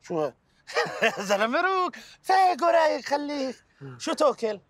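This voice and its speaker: A man acting in a sketch comedy with a Jordanian Arabic accent, blustering and scolding loudly. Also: very high voice, very animated, normal speed, dry recording. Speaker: lead comic actor.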